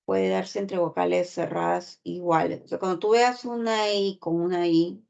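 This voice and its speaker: A woman's voice: lowish voice, fairly even intonation, normal speed, gravelly, darkish tone. A woman teacher giving a class lecture, explaining step by step and checking in with constant tag questions. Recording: dull lo-fi recording.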